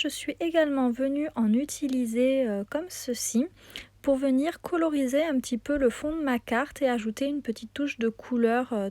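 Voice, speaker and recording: This craft video host speaks in a high, mellow voice captured in a dry recording. She narrates casually, sounding talkative and excited, while frequently pausing on hesitant "euh" sounds.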